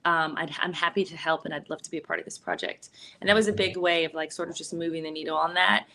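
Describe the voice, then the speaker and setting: A woman's voice: deep voice, lively intonation, fast talker, bright, forceful tone, slight background noise. A woman from the Bay Area, an actress and filmmaker, chatting casually as an interview guest with lots of fillers and likes. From San Francisco Bay Area, US.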